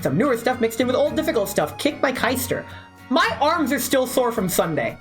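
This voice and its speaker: A woman's voice: high-pitched, big pitch swings, normal speed, faint music behind. A young adult woman streamer chatting and joking during a live game reading, rambling and profane.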